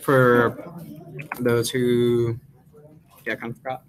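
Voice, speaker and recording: A man's voice: mid-range voice, completely flat delivery, takes it slowly, rough recording. A young man teaching a coding class, talking casually with lots of fillers and repeated "yeah"s. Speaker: course instructor.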